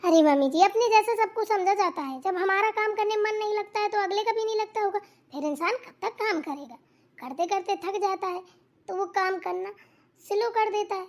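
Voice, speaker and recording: A woman's voice: very high-pitched, pitched above the performer's own voice. A woman voicing a bossy, meddling young sister-in-law in a cartoon, giving orders and advice. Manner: quick, bossy, advising. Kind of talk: cartoon voice acting.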